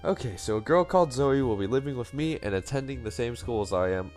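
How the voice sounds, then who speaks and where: A man's voice: medium pitch, animated, fast talker, darkish tone, faint music behind, natural voice. A man voicing a young woman student, stammering and surprised as he reads a game's dialogue. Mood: flustered.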